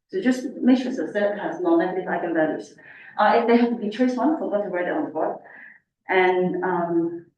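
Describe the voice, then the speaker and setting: Casting: female academic lecturer, masked, soft dark tone, halting explanations, heavily reverberant room. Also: medium pitch. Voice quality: speaking through a face mask. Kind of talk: informal technical lecture. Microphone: distant room microphone. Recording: very echoey, distant, faint room noise.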